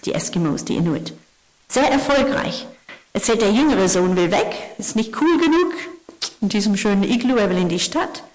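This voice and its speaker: A woman preaching a Christmas sermon, telling stories and often dropping to a hushed whisper for emphasis. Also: medium pitch, animated, moderate pace. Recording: long hall reverb.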